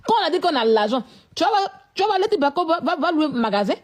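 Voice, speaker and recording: A woman's voice: high-pitched, sing-song, quick pace. A woman ranting at someone in a scolding, repetitive, confrontational way. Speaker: vlogger. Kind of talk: live-stream rant.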